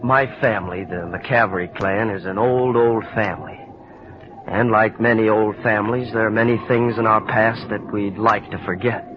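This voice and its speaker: A man's voice: fairly low pitch, fairly even intonation, moderate pace, close to an everyday voice. An actor playing a wounded, earnest clansman recounting family history in 1940s radio style. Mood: earnest, solemn. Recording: muffled, noisy old radio recording.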